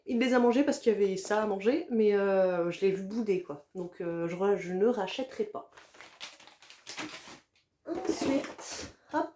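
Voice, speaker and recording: A woman's voice: fairly high pitch, warm tone. A woman vlogger chatting casually while reviewing products she has used up, often hesitating with fillers. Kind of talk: casual chat.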